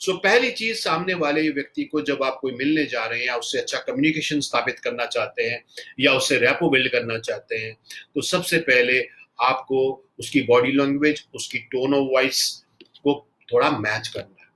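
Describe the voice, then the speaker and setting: Guy teaching a tutorial, talks fast n loud, bright punchy voice, throws in english words. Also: medium pitch. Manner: fast, loud and animated, says so himself; mixes English words into Hindi. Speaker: NLP trainer. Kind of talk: spoken tutorial.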